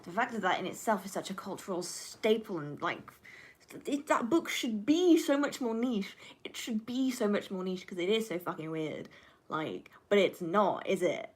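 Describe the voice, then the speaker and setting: A twenty-something film student and livestreamer, native in Flemish Dutch, fields viewer questions in a mid-range, expressive, slightly rough voice at a moderate pace. She rambles candidly, swears freely and speaks with emphasis.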